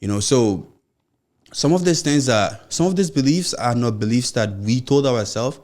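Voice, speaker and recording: A young Nigerian-accented man with a slight stammer presents a solo motivational podcast in a medium-pitched, darkish voice at normal speed. His manner is earnest and encouraging, his phrasing loose and run-on, sprinkled with "you know."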